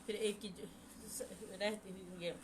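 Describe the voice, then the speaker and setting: Kashmiri-born woman guest, halting testimony with restarts, noisy live-stream sound. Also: medium pitch, fairly even intonation. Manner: repeats and restarts phrases. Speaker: guest recounting a massacre.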